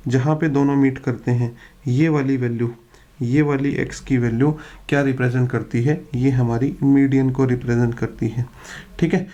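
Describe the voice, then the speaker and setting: Male lecturer, mellow voice, patient question-and-answer teaching style, drops in English terms. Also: medium pitch. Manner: poses rhetorical questions and answers them, steady explanatory pace; mixes English technical phrases into the explanation. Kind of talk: exam-prep lecture over slides.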